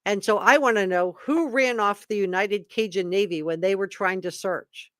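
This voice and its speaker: A woman's voice: medium pitch, normal speed, fairly bright tone, no echo. Emphatic woman livestream commentator, dry close sound. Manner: emphatic, repeats key words for effect; opinionated, informal asides between read passages. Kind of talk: live commentary, reading statements aloud to chat.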